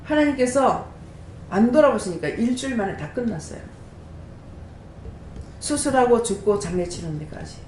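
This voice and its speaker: A woman, a prayer house director, giving an animated testimony sermon and throwing rhetorical questions to the congregation. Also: moderate pace, pauses often. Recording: echoey room with faint rumble.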